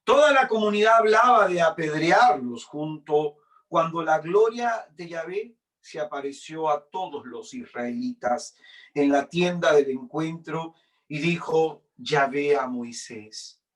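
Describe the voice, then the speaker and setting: A man reading scripture aloud in a sermon, deliberate and dramatic, his loudness swinging up and down. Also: on the high side, far from the mic. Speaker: preacher.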